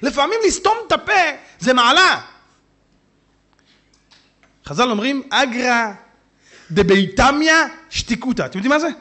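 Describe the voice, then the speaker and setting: A man in a synagogue hall preaching a sermon with a very high, bright voice that swings up and down all the time. He turns stories into small scenes, breaking into shouted asides and quick put-on voices, and keeps joking with his listeners. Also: sing-song. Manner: humorous, talks straight to the audience. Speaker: rabbi. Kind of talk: sermon with storytelling.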